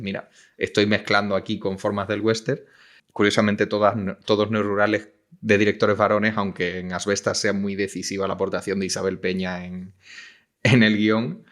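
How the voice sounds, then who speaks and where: A man co-hosting a film podcast, talking in a reflective way with many tags and fillers. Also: lowish voice. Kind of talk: casual film discussion.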